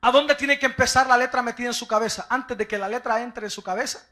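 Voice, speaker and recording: A male pastor with a Mexican Spanish accent preaching a sermon, acting out quotes and breaking into sudden shouts. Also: very high-pitched, quick pace.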